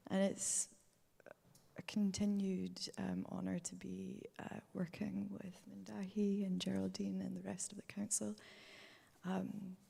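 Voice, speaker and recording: Female filmmaker, husky gravelly softness, mellow tone, echoey hall. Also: mid-range voice. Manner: soft, partly whispered. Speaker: filmmaker, panelist. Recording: long hall reverb.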